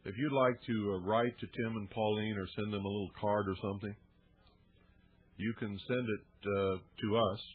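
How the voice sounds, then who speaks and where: A man speaks as a radio host in an earnest, plainspoken way, dotted with homely fillers. His voice is slightly low and husky. The sound is thin and narrow, like a phone line. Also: steady tone, normal speed. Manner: earnest, heartfelt appeal with folksy fillers. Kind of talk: radio talk.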